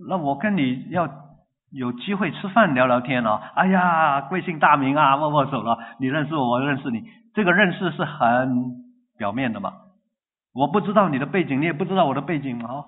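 A man preaching a sermon in a lively way, asking the congregation questions and repeating phrases in rhythm. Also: mid-range voice, a little fast. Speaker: pastor. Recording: tinny phone-like line.

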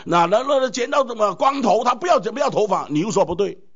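Animated high-pitched male preacher. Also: brisk, breathy edge. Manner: animated preaching with many rhetorical questions. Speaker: pastor. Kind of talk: sermon. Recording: dull lo-fi recording.

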